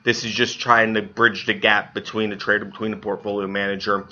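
Hungover man, bright but muffled lo-fi sound. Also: on the low side, level tone. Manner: halting, filler-heavy, hedging. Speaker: podcast co-host and editor. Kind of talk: informal explanation. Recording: dull lo-fi audio.

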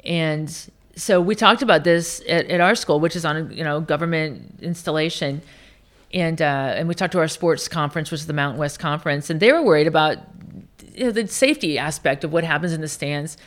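A woman's voice: low-pitched, fairly quick. A woman in her late fifties from Iowa, a senior military officer telling candid stories in an interview, often restarting her sentences. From Iowa, United States. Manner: candid, anecdotal, speaks in restarting bursts. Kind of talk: conversational interview.

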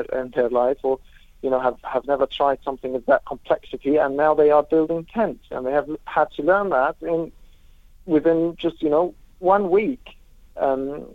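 Hombre de Líbano por línea telefónica. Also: male voice, a little high, dry recording. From Lebanon. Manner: halting, with many restarts and repeated words. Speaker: humanitarian aid worker. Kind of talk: remote interview answers. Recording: tinny phone line.

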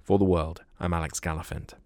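A man narrating a scripted news report as a radio reporter, in a smooth, even delivery. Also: low voice, a little fast, no room sound, studio quality.

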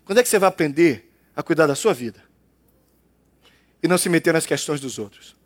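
A man's voice: on the high side, expressive, brisk. A man preaching a sermon as a pastor, with a playful, teasing, conversational way of talking.

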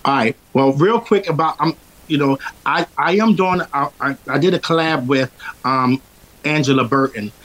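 Medium-pitched and a bit bright, a Philadelphia singer's strong voice moves at a moderate pace on a low-quality recording. Calling his own voice powerful, he rambles through a casual interview chat, often restarting and filling gaps with fillers.

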